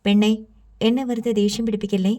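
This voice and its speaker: A woman's voice: mid-range voice, little pitch movement, fast talker, dark tone, close to an everyday voice. A woman voicing a stern mother who scolds and defends herself to her grown daughter. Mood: scolding.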